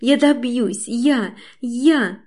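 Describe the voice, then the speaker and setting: A woman's voice: extremely slow, a little mellow. A woman reading an audiobook, voicing a haughty, hysterical middle-aged mother-in-law who shrieks and hisses her words. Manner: shrill, shrieking, hissing.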